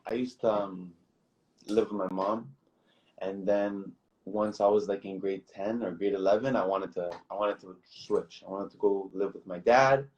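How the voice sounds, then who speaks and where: A young man from Toronto talks as a podcast guest, slightly low in pitch. He rambles easily, calling the host bro and man along the way, and comes through a remote call microphone. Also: steady tone, normal speed, darkish tone, lo-fi sound. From Toronto, Canada. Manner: easygoing, rambling, says bro and man often. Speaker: guest, recording artist. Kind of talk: casual interview chat.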